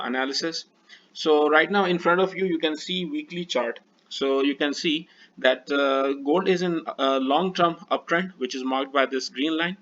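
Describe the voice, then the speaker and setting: On a dull, lo-fi recording, an Urdu-native trading analyst talks through charts on a screen share. He sounds unsure, with frequent fillers, and his mid-range voice has a fairly bright tone.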